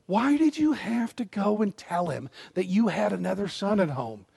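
A man's voice: high voice, animated, normal speed, vocal fry, darkish tone, slightly rough, heavily acted. A man putting on the whiny voice of an elderly father complaining to his son.

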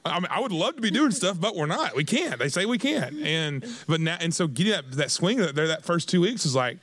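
A man's voice: a little high, big pitch swings, brisk, a bit bright, dry recording. A young man who works in ministry, chatting casually and rambling with frequent restarts. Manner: rambling, self-correcting. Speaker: youth minister. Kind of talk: casual chat.

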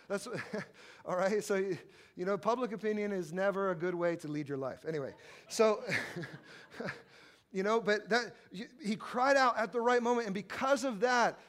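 A man preaching a sermon in a loose, conversational way, full of fillers and chuckles, who builds from quiet stretches to loud, emphatic passages. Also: high-pitched. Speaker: pastor.

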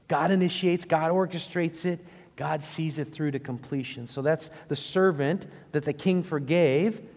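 A man's voice: on the high side, darkish tone. A male pastor preaching a sermon to his congregation, often asking them rhetorical questions. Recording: long reverb of a large hall.

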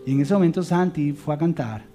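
A man telling a heartfelt story to a church audience, swinging between loud emphasis and hushed soft lines. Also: fairly high pitch, brisk. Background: soft guitar music.

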